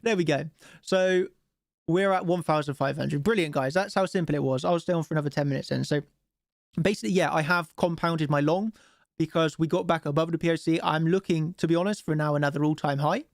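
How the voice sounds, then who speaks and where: The speaker is a man hosting a live trading stream while suffering from a cold and a blocked nose; he chats casually about the charts and asks for likes. His voice is on the high side with vocal fry and a brisk pace, captured in clean studio sound without echo.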